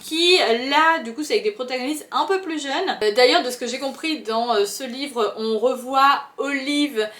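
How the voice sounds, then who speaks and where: A woman's voice: high voice, moderate pace, few pauses, roomy sound. A chatty young woman, talking casually about books, full of fillers. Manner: chatty, animated, many fillers. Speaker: book vlogger. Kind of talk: casual chat.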